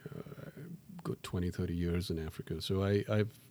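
The dry recording captures a middle-aged professor with a low, slightly mellow voice speaking at a normal pace with fairly even intonation. Born in Tanzania to Indian parents, he reflects with self-deprecating humor in a conversational interview, frequently restarting and using fillers.

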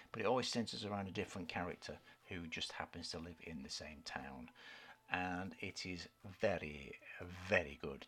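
A middle-aged British man co-hosts a casual radio show from a home studio in a book-lined study, rambling and bantering about the films and books he likes. His voice is deep, a bit bright, with a breathy edge.

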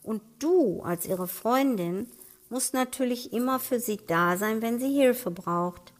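A woman reading an audiobook, voicing a patient, gentle mother who talks softly and calmly to her daughter. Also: on the high side, slow. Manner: soft and calm.

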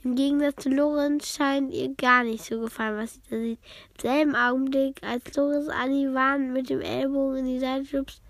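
A woman's voice: high-pitched, level tone, moderate pace, no room sound. A woman reading a children's book aloud in a casual way, with slips and self-corrections. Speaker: reader.

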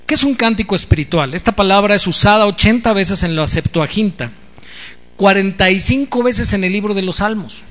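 High-voiced preacher in a reverberant hall. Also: male voice, a little fast, fairly bright tone. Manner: teaching, repeats key words with rising emphasis and frequent amens. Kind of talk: sermon.

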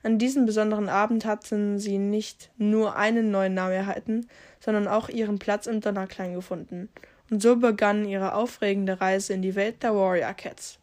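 Speaking at normal speed with little pitch movement, a podcast host with a mid-range, slightly mellow voice reads a story in a loose, unrehearsed way. She keeps slipping on words and fixing them, occasionally breaking off to comment.

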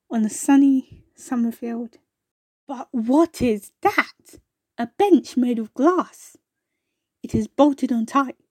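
A woman reads a children's story at a slow, gentle pace, her voice mellow and somewhat high. She pauses to ask the young listener questions. The sound is dry and close. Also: no echo.

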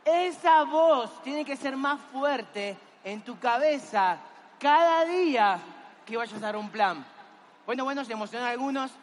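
A man's voice: very high voice, expressive, measured pace, long reverb tail, a little hiss or hum. A man giving a motivational talk in an auditorium, coaxing and exhorting the audience with energy. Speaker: motivational seminar speaker.

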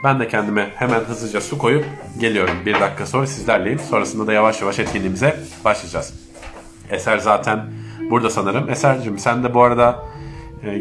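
A man with a congested, stuffy nose from allergies, speaking as he politely hosts a casual live-stream chat. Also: fairly low pitch. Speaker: host of an online live chat.

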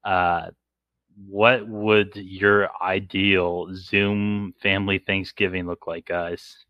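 A man's voice: low voice, level tone, slow, no echo, dull audio. A man hosting a casual podcast chat with friends, steering the talk to new topics. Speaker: podcast host.

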